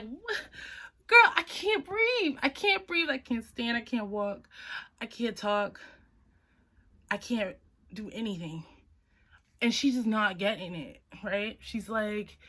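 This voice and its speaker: A young woman with a Boston-area accent, casually telling a personal story on her vlog and leaping up in pitch when she acts out her own lines. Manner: animated, jumps high when acting out her own quotes. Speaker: vlogger.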